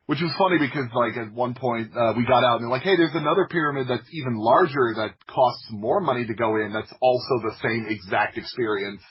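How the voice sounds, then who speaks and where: Talking fast with hardly a pause, this Florida man, an audio drama creator, swaps anecdotes as a podcast guest, cutting himself off and saying "like" a lot. He has a husky, medium-pitched voice, and the sound is lo-fi.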